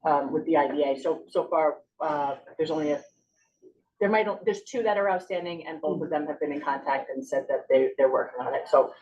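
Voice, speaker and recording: A woman's voice: low-pitched, fairly quick, a little mellow, highs cut off. A woman leading agenda items at a board meeting, talking casually with frequent ums and restarts. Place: meeting room. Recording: distant mic with faint hiss.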